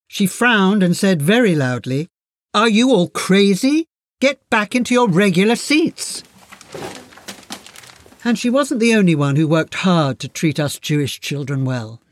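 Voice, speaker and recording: A man narrating a first-person memoir in a measured, solemn way. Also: high-pitched, dry recording, clean studio sound.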